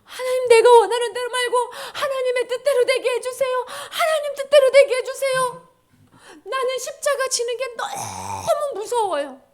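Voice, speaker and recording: A woman's voice: very high voice, very animated, moderate pace, pitched above the performer's own voice. A woman voicing Jesus as a grown man praying tearfully, pleading with a trembling voice in a storytelling sermon.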